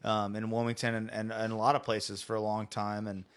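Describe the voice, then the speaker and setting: A man in his late twenties co-hosts a podcast from a studio. His voice is fairly low, and he tells stories in a relaxed, easygoing manner. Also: fairly quick, smooth. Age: late 20s. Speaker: podcast co-host. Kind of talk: casual podcast chat.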